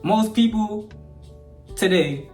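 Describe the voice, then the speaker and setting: This young man from Sudan, eighteen with an American accent, speaks slowly in a high-pitched, darkish voice while soft music plays. His rambling, conversational opinion rant to camera echoes in the room, and he often asks if you get what he means.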